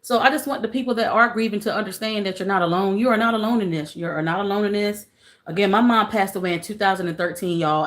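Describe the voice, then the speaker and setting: Middle-aged woman on a live stream, greeting viewers by name and repeating herself, talking earnestly about grief. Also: medium pitch. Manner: greets viewers by name, repeats phrases, warm Southern-style "y'all". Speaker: livestream host. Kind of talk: casual live-stream chat.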